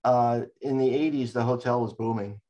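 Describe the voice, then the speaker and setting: A man's voice: medium pitch, normal speed, mellow, muffled recording. An older man recalls his memories in an oral history interview. He rambles from one anecdote to the next and often restarts his sentences. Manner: rambling storyteller, frequent restarts.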